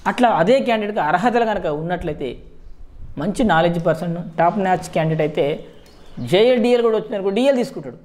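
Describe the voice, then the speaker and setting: Fast-talking Telangana man mixing Telugu and English. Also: high voice, expressive, darkish tone. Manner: Telugu mixed with frequent English words. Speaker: job-exam advice video host. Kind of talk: informal explanatory commentary to viewers.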